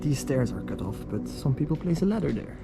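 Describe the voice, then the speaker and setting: A man with a fairly high voice narrates an exploration vlog. Loud music plays behind him as he talks. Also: big pitch swings, a little fast, vocal fry. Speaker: vlogger.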